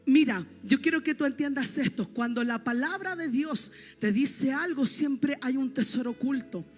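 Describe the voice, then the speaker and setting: A woman's voice: sits high, expressive, normal speed. A woman pastor preaching a sermon, teaching with emphasis and often checking that her listeners follow her. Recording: long reverb, faint music.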